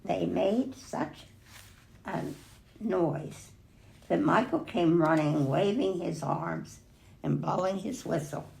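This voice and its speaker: An older woman reading a children's picture book aloud expressively, pausing to remark on the pictures. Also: fairly low pitch, gravelly, a little mellow, slight background noise, low-quality recording. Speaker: storybook reader.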